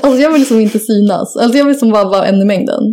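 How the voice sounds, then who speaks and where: A woman's voice: fairly high pitch, mellow. A young woman in casual chat, telling a rambling story full of fillers and casual swearing. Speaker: podcast co-host.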